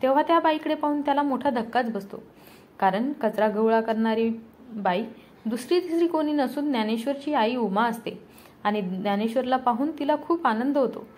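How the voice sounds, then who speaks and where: Storyteller, woman, steady scripted narration. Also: fairly high pitch, normal speed.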